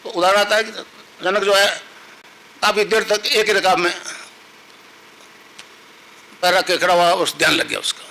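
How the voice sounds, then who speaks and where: A man with a high, bright voice leads a devotional discourse. He teaches in an instructive tone, tells stories and chants a short mantra for his listeners to repeat. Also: normal speed, gravelly, pauses often, poor audio. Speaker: spiritual teacher.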